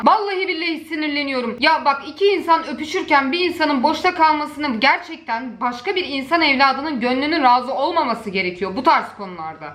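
A woman hosting a casual reaction video, talking in an animated, joking way full of exclamations and mock outrage. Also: sits high.

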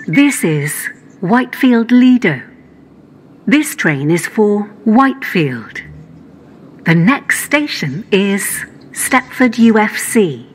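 A woman's voice: big pitch swings, slow pace. A woman reading scripted automated train announcements, with words and phrases spliced together in stilted joins. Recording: clearly noisy, train rumble behind. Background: train and vehicle sounds.

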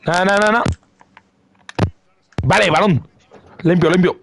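A young man streaming a football video game live, giving excitable running commentary on his own play and repeating words. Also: sits high, takes it slowly, slight background noise. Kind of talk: live gaming stream chat with friends.

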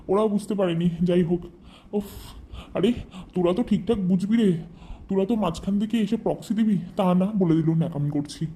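A man's voice: high voice, warm tone, natural voice. A man playing a melodramatic, scheming young vlogger who groans theatrically in a satirical live-stream parody.

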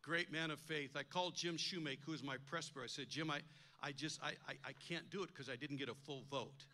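Older man, pastor, sermon storytelling, emphatic, repeats words, bright ringing voice. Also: fairly high pitch, fast. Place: church.

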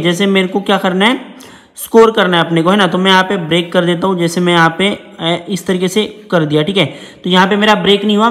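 A man's voice: sits high, a bit bright. A man chattily walking viewers through a phone app as he taps through it, often calling them brother. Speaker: app reviewer. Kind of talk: screen-recorded app walkthrough. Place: indoor room, table with phone. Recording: echoey room with long reverb.

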